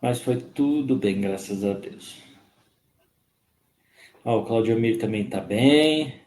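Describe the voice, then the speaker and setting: A man hosting a live stream with a cold, his voice hoarse, greeting viewers by name in a slow, friendly way. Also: mid-range voice, darkish tone. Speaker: host of a spiritist live stream. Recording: echoey room.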